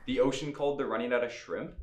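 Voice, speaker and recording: A teenage boy acting in a student film, playing a calm, level-headed student who talks in a matter-of-fact way. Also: medium pitch, quick pace, loud music behind the voice, natural voice. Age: teens. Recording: noisy amateur school video.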